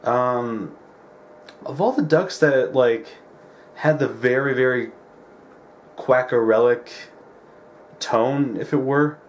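A man's voice: medium pitch, slow pace, pauses often, a little hiss or hum. A man hosting a let's play, talking casually over gameplay with lots of filler words. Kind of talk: casual game commentary. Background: game music.

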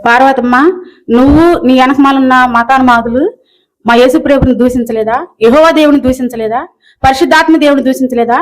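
A woman's voice: sits high, steady tone, brisk, poor audio. A woman ranting angrily in a scolding, repetitive way. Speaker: video commenter. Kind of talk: angry rant.

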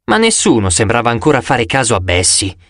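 Male audiobook narrator, expressive, animated pitch, dry close studio sound. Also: fairly quick, no echo. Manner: expressive storytelling. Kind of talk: scripted first-person audiobook narration.

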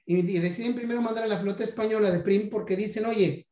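A Mexican guest lecturer on numismatics gives a history talk about coins in a high, dark-toned voice with fairly even intonation. He's halting, repeating words and using lots of "este" fillers, and the room has a noticeable echo.

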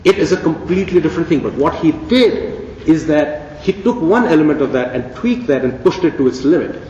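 A man with a fairly high, warm and expressive voice speaks briskly during a conference keynote, keeping the tone playful and conversational with plenty of rhetorical questions. Recorded at a distance in a large hall, the audio is dull and echoey, with slight background noise.

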